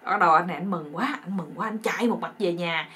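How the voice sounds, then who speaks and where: Woman, husky, chatty comic storyteller. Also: on the low side, fast talker. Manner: chatty, animated, colloquial.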